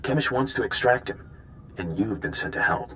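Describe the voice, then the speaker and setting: Pushed and bright, a lowish male voice acts out an earnest, scheming undercover informant for a video game, expressive at a moderate pace. He sounds urgent and conspiratorial, as if plotting, over slight background noise.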